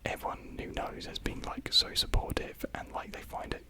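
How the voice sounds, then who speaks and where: Responding to viewer comments in an informal ASMR chat, a young adult keeps a soft, breathy whisper close to the mic at a normal speed. They come across tentative and rambly, frequently downplaying themselves.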